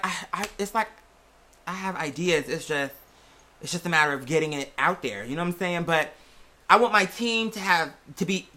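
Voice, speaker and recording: An American content creator talks casually and candidly about personal things, rambling and repeating phrases for emphasis. Her medium-pitched voice sounds pushed and bright.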